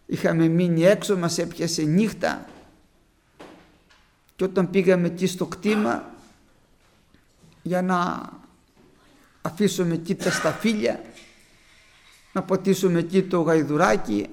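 A man's voice: high-pitched, vocal fry, pauses often, a little mellow. A man preaching a testimony sermon to his congregation, telling a childhood story with fervent, rising emphasis.

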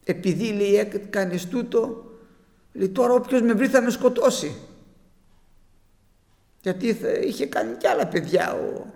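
A man preaching a sermon to his congregation, his voice surging up for emphasis, who slows down to read scripture in formal old wording. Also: sits high, lively intonation, a little mellow. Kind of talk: sermon with Bible reading. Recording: long hall reverb.

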